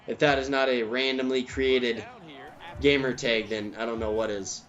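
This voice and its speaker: A man's voice: medium pitch, steady tone, moderate pace, a bit bright, muffled recording. A man giving casual, rambling commentary over a video game, full of ums and side tangents, recorded at home. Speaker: gameplay commentator. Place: at home, neighbor's music nearby.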